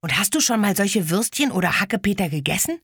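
A woman voicing a curious, plucky young boy who asks lively questions. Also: mid-range voice, fast, husky, no room sound, studio quality, pitched above the performer's own voice. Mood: defiant.

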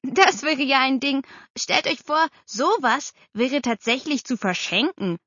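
A woman voicing an eager young girl who talks high and pleading, in a storybook reading. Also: animated, measured pace, fairly bright tone, dry recording, heavily acted. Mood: excited. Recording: slightly dull dry recording.

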